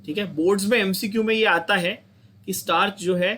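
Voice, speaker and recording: A man's voice: sits high, steady tone, fairly quick, bright, forceful tone, slight background noise. A young Indian man teaching a chemistry lecture, coaxing his students, repeating points and asking them to say them back. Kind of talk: online lecture.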